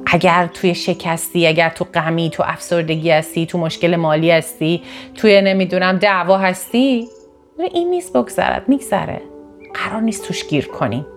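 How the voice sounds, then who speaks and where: A woman from northern Iran giving an animated motivational talk to her viewers. She often jumps up in pitch for emphasis and restarts or corrects herself mid-sentence. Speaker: motivational speaker. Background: faint background music.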